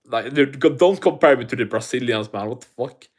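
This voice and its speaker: Fairly quick and medium in pitch, this man's voice carries a heavy non-native accent. He hosts a casual livestream, working through viewer comments in a rambling, foul-mouthed way with many restarts.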